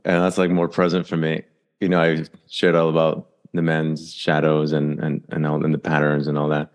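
A man's voice: rumbling low, completely flat delivery, normal speed. A man speaking as a guest on a podcast, talking reflectively with "you know" fillers and frequent laughter. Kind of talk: casual conversational interview.

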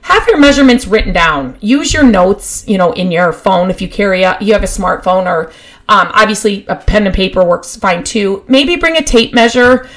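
A woman's voice: medium pitch, normal speed. Chatty woman giving practical tips. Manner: chatty, practical, with many fillers and restarts; gets excited about her topic. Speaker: podcast host. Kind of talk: casual advice talk.

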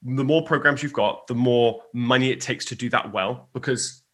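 A man's voice: medium pitch, normal speed, husky. A man co-hosting a casual podcast chat, rambling through stories with many restarts and asides. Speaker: podcast co-host on church leadership.

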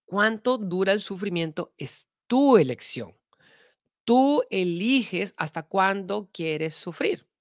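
A man's voice: high-pitched, dry recording. Man, spiritual teacher, rhetorical questions, repetitive, dry close sound. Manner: earnest, with sudden emphatic swings. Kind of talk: spiritual talk to an audience.

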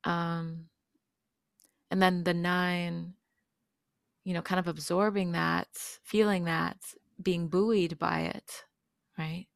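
A woman's voice: fairly low pitch, little pitch movement, takes it slowly, creaky, long pauses, no room sound, clean studio sound. A woman in her twenties, a podcast guest, musing in a dreamy way and lingering on her words. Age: 20s. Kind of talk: reflective podcast conversation.

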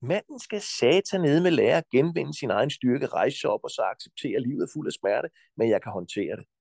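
Blunt, gravelly-voiced Danish man. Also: medium pitch, expressive, darkish tone, dry recording. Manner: blunt, insistent, swears freely. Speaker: podcast guest. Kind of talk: forceful conversational advice.

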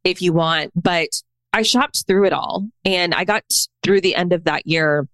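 A woman's voice: fairly low pitch, unhurried, a bit bright, dry recording. A woman in her thirties, a podcast guest, talking candidly and casually, full of "like" and "right?". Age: 30s. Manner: candid, chatty, peppers speech with "like" and "right?". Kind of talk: casual conversational storytelling.

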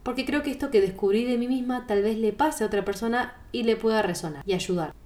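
A woman's mid-range voice, carrying a Rioplatense Spanish accent, explains things calmly as she speaks straight to the listener. She is a singing teacher giving a podcast monologue.

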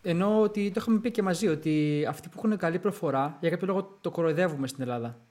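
Quick-talking young man co-hosting a podcast. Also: high voice, a little mellow. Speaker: podcast co-host. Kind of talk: casual podcast chat.

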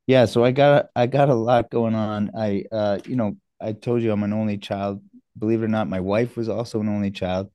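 A man's voice: fairly low pitch, steady tone, brisk, clear, resonant tone, no room sound, lo-fi sound. A middle-aged man from New York, a guest surgeon telling his story in a casual interview, earnest and self-deprecating. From New York, USA.

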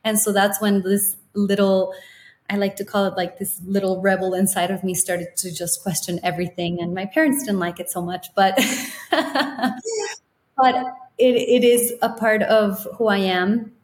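A young woman from Ecuador, a podcast guest, telling her story in a warm, reflective, often laughing way. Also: medium pitch, steady tone, measured pace. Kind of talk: casual interview chat. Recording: roomy echo.

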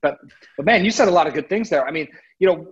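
A man's voice: on the high side, expressive, fast talker, husky, muffled recording. A man hosting a podcast, asking questions in a casual, easygoing way with lots of fillers. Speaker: podcast host. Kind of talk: casual interview.

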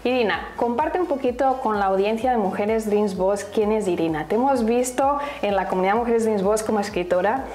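A woman's voice: medium pitch, fairly quick, few pauses, dark tone. A woman hosting an interview podcast, upbeat and emphatic, repeating words for effect. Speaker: podcast host. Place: studio room, guest present. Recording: roomy echo, faint music.

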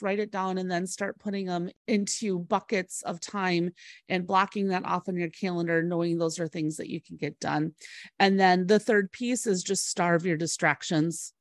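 A woman's voice: medium pitch, dry recording, clean studio sound. A woman co-hosting a podcast, giving organized, step-by-step practical advice straight to the listener in an instructive way. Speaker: podcast co-host and business coach.

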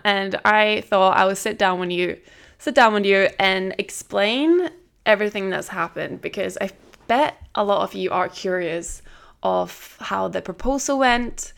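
A woman's voice: medium pitch, gravelly, fairly bright tone, clean tone. A woman hosting a solo podcast, chatting casually with frequent laughs and restarts. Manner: chatty, laughs between phrases, restarts often. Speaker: podcast host. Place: recording away from home.

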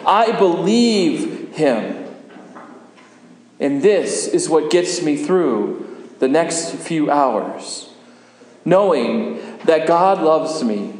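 A humble, repentant criminal on a cross, performed by a man with a fairly high voice in an earnest, unhurried monologue. He sounds short of breath, and every line spreads through a big, echoing hall. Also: a little mellow, exaggerated voice. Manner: earnest, slow and deliberate. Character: repentant crucified male criminal, humble and hopeful. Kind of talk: first-person dramatic monologue. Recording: echoey hall with long reverb.

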